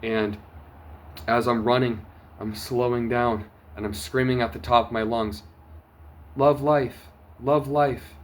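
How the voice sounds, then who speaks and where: A man sharing a personal testimony, earnest and emotional, going from urgent bursts to hushed quiet. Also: mid-range voice, level tone, measured pace. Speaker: testimony vlogger.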